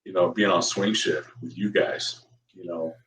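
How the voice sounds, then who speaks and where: A retired police officer telling stories in casual chat, animated and laughing often. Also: male voice, measured pace, recorded from a distance. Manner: animated, laughing, jumps high in pitch when quoting others. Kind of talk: casual storytelling. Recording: roomy echo.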